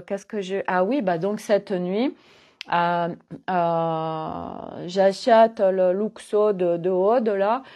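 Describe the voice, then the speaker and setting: A woman's voice: on the low side, dark tone, dull audio. Rambling woman with a Gers accent. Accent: Gers, southwest France. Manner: rambling, full of hesitations and fillers. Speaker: holistic coach. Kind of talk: casual spiritual monologue.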